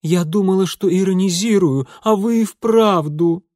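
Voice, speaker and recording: A man voicing a theatrical, indignant highborn young woman in an audiobook. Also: a little slow, mellow, no room sound, studio quality, lightly acted. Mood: exasperated. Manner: exclaiming, dramatic.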